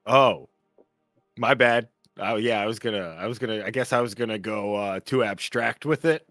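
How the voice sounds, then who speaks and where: A man's voice: lowish voice, moderate pace, fairly bright tone, dry recording, studio quality, soft background music. A man playing an awkward, eager newcomer. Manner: eager, awkward, agreeable, full of fillers. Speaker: player. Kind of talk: in-character tabletop role-play.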